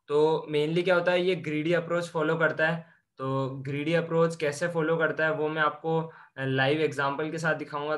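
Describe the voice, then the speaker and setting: Man, young adult, coding tutor, slightly high voice, flat even tone, self-answering explanations. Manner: explains step by step, asks and answers own questions. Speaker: programming tutor. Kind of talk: screen-share coding lesson.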